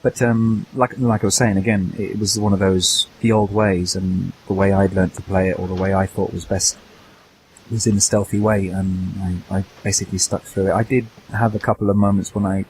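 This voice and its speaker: A man's voice: low voice, little pitch movement, moderate pace, darkish tone, slight background noise, low-quality recording. Hesitant man chatting about games. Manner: hesitant, restarts and repeats words while thinking. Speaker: podcast co-host. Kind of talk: casual gaming podcast chat.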